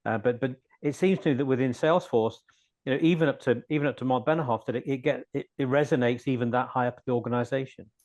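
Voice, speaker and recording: Male host, mid-pitched, conversational, stumbles and repeats words. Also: fast talker, a little mellow. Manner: repeats words, chatty, joking. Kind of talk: hosted interview.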